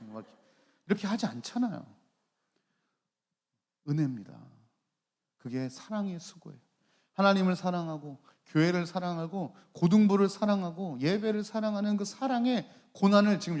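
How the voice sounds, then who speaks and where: A man in his forties preaches to a youth group with a fairly high voice. He keeps tossing questions to the listeners and answering them himself. He teases the young people by name in a playful way. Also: a little mellow. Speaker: youth pastor.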